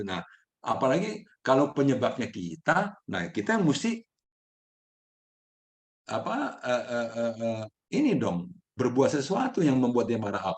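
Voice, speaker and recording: A middle-aged man hosting a mindfulness session, teaching casually with many fillers and sudden high-pitched bursts when acting people out. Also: a little mellow. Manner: fillers and restarts, laughs often.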